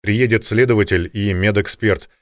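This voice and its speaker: A man voicing a brisk, businesslike police sergeant. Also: fairly low pitch, fairly even intonation, no echo, studio quality, lightly acted.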